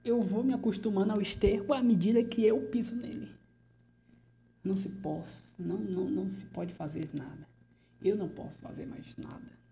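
A woman's voice: lowish voice, moderate pace, creaky, mellow, a little hiss or hum. A woman playing a frightened male artist under interrogation, who stammers nervously and slips into whispers in a theatrical monologue. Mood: anxious.

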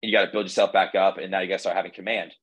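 A young man with a low, easy voice recounts his story as a podcast guest. He rambles casually, restarting sentences and leaning on "like" as he goes. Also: level tone, rapid-fire, fairly bright tone, breathy edge, low-quality recording. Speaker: podcast guest, baseball pitcher.

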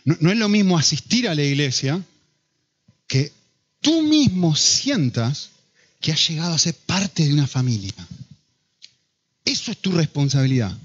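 An Argentine man in his thirties preaching a sermon to his church, animated and full of rhetorical questions. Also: fairly high pitch, unhurried, long pauses, husky. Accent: Argentine Spanish. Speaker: pastor. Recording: dull lo-fi recording.

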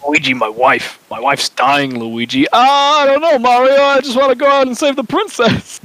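A man's voice: very high voice, lively intonation, normal speed, a bit bright, no room sound, voice pushed up. A man voicing Luigi as a whiny plumber dodging his family, in a jokey hammed-up voice. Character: Luigi, a whining runaway plumber husband.

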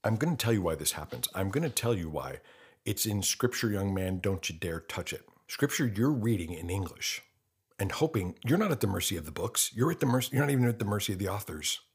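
Deep-voiced guy in his 50s ranting earnestly on his podcast, blunt, very clean smooth voice. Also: very animated, brisk. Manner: earnest and blunt, with rhetorical questions and mocking quoted voices. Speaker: podcast host. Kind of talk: impassioned monologue.

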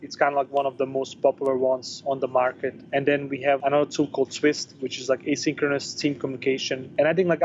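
A man's voice: mid-range voice, darkish tone, lo-fi sound, a little hiss or hum. A man giving casual, informal interview answers as a guest, in hesitant phrases peppered with filler words. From Bosnia-born, grew up in Denmark. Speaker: interview guest, tech company founder.

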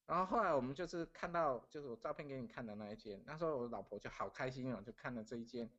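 Middle-aged man, podcast guest, earnest storyteller who repeats himself, mid-pitched voice. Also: fast, a bit bright, highs cut off. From Taiwan. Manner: earnest, repeats phrases while recounting events. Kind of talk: casual storytelling.

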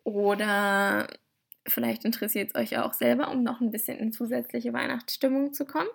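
Gravelly-voiced woman reading aloud. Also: fairly high pitch, a little fast. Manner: relaxed and chatty. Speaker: podcast host. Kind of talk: reading a novel aloud, then casual chat.

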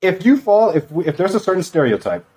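A man's voice: sits high, big pitch swings, fast, a little mellow, rough recording. A young man from Texas, hosting a casual chat and telling a rambling story, often laughing.

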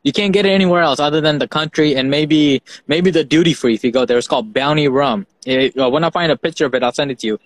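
Rambling man from Fiji, higher voice. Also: quick pace, few pauses, no echo, poor audio. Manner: rambling, repeats words, swears casually. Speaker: host. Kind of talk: casual chat.

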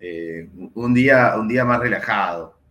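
Hoarse, low-voiced Argentine man. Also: measured pace, noisy background. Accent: Argentine Spanish. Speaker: guest on a call.

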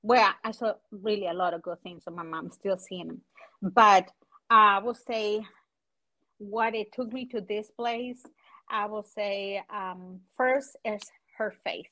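In a rough recording, a guest entrepreneur in her forties from Chile talks in a casual interview, her medium-pitched voice steady, bright and forceful. She has a Chilean Spanish accent and speaks English as a second language, pausing to search for words and filling gaps with frequent fillers.

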